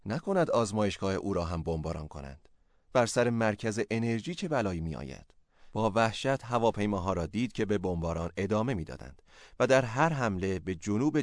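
A man reading a story as narrator, in a steady, measured way. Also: lowish voice, dry recording, studio quality. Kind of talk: scripted narration.

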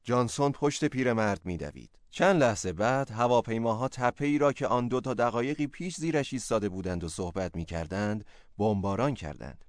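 A man reading a story as narrator, in a steady, measured way. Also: medium pitch, no echo, clean studio sound. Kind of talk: scripted narration.

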